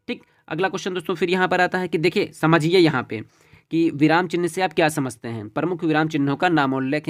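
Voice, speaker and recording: A man teaching an exam-prep lesson, walking through questions and checking in with "ठीक है" and "देखिए" as he goes. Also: a little high. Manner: repeats "ठीक है" and "देखिए" as he explains.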